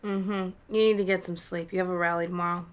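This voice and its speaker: An actress in a live-action video game scene, talking in a teasing, playful way. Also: female voice, fairly low pitch, level tone, fast talker, clear, resonant tone, close to an everyday voice.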